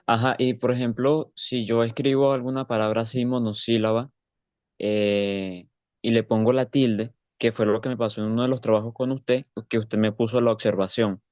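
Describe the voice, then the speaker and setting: A man's voice: mid-range voice, fairly even intonation, normal speed, a little mellow, dry recording. A male student asking his teacher a question during class, phrasing it carefully.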